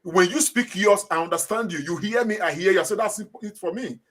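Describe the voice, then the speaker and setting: Here a middle-aged man from Edo State, Nigeria, answers an interviewer's questions in a high-sitting, brisk, fairly bright voice with a Nigerian accent. As a guest he sounds hesitant, often saying uh and repeating himself.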